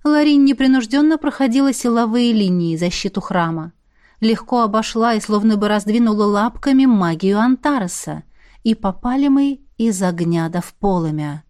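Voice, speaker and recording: A woman reading a first-person fantasy novel aloud in a wry, lively way. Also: medium pitch, normal speed. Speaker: audiobook reader.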